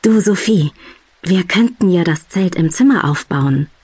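A narrator voicing a cheerful young girl with an eager, bright way of speaking in a storybook. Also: mid-range voice, animated, unhurried, slightly rough, dry recording.

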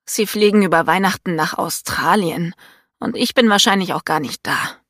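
A woman reading an audiobook, voicing a sick, sulky young woman with a croaky, whiny voice. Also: on the low side, moderate pace, fairly bright tone, no echo, studio quality. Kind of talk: audiobook character voice.

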